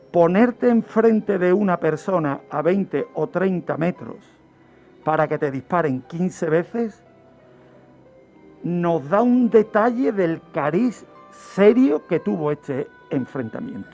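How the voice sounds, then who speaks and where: This male criminologist, a guest presenting a true-crime segment, sits high in pitch with a darkish tone. He explains the case on radio in a teaching manner, posing questions and answering them, and the recording sounds muffled.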